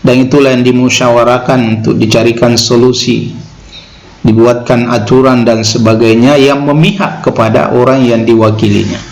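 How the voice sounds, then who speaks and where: A man giving an Islamic teaching talk in an unhurried way. He tags his points with a short "ya" and recites Arabic verses slowly. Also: mid-range voice, fairly even intonation, creaky, rough recording. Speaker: religious lecturer.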